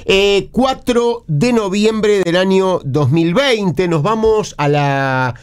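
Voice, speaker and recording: A man's voice: high-pitched, slow pace, clean tone. A man telling a comic story on the radio, acting out the dialogue. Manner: animated, acts out quoted dialogue. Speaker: radio host.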